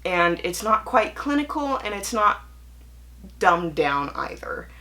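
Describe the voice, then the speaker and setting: In her book-review vlog, a young host chats openly on her own, fixing her wording as she goes and imitating voices she imagines. Her medium-pitched voice is sharp-toned and very animated, though her pace is slow.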